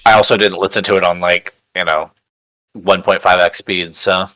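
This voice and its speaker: Easygoing low-voiced man co-hosting. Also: fairly even intonation, moderate pace, pushed and bright, rough recording. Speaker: podcast co-host. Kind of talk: casual book club podcast chat.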